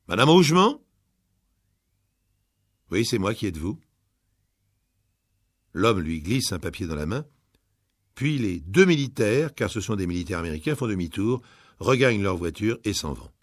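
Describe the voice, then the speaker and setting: A male narrator giving a dramatic audiobook reading with storyteller pacing that swells and hushes. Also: deep voice, very animated, moderate pace, dry recording, clean studio sound.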